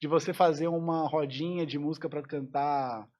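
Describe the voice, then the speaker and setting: On the higher side and a little mellow, this man's voice holds a steady tone at a moderate pace. He's a musician guesting on a podcast, casually reflecting and frequently breaking off to rephrase.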